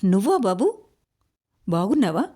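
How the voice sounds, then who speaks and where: A woman reading a story aloud, voicing a gentle, pitying old village man. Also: medium pitch, sing-song, measured pace, husky. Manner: soft, pitying speech.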